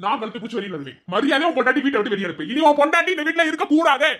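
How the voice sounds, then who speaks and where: A performer voicing a scornful, bullying middle-aged father-in-law in a cartoon, with a Madurai Tamil accent, taunting and shouting insults. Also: sits high, lively intonation, rapid-fire, soft background music. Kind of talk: cartoon voice acting.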